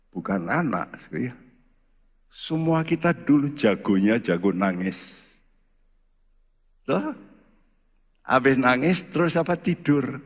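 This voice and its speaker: A man preaching a sermon as pastor, asking the congregation rhetorical questions and jumping suddenly in pitch. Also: a bit bright. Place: church hall. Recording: church hall reverb.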